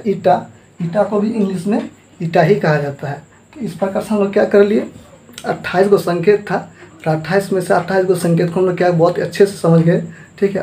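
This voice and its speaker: A man's voice: high-pitched, dark tone, reverberant, poor audio. A man teaching a math lesson. He asks the class questions, answers them himself, and ends each point with a rising "thik hai".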